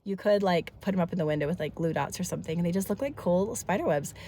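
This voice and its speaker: A woman's voice: fairly low pitch, fast, over music. A woman in her thirties chatting casually in a family vlog, congested from a head cold, talkative and rambling with lots of asides. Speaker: family vlogger.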